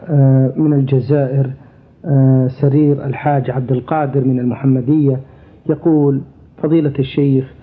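A man presenting a radio program, reading out listener questions in a brisk, formal way. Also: mid-range voice. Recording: tinny, lo-fi radio broadcast.

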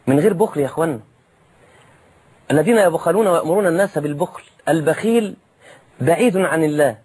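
Fast, husky Egyptian preacher. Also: male voice, a little high. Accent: Egyptian Arabic. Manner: lively, addresses listeners as brothers, tells jokes. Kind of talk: sermon.

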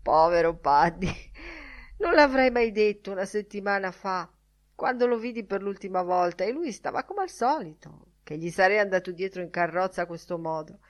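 A woman reading an audiobook, voicing a soft-hearted Dublin man who speaks wistfully and sorrowfully. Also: mid-range voice, expressive, moderate pace, lightly acted.

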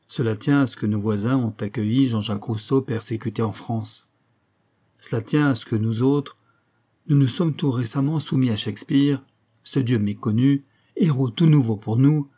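A man narrating a nineteenth-century story as an audiobook, measured and expressive. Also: mid-range voice. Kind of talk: literary audiobook reading.

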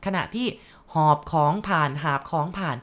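A woman with a lowish voice narrates a ghost story. She tells it conversationally, with chatty asides to the listener. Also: expressive, normal speed.

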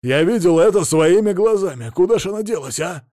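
A drunk, middle-aged millionaire in a frantic state, as a male reader puts him on, shouting and blustering in a raised, high-pitched voice. He talks loud and fast in agitation, on a dry, close recording. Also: lively intonation, no room sound.

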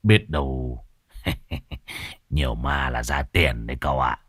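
A man doing a sly old exorcist muttering low. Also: takes it slowly, fairly bright tone, husky, no echo, studio quality, soft background music, full character voice. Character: cunning old male exorcist, hushed and sly.

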